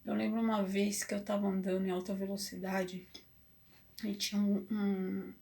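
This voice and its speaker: A woman telling a personal story to camera, emotional and halting with many restarts. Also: medium pitch, little pitch movement, vocal fry, darkish tone. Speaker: vlogger. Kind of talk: personal confessional talk.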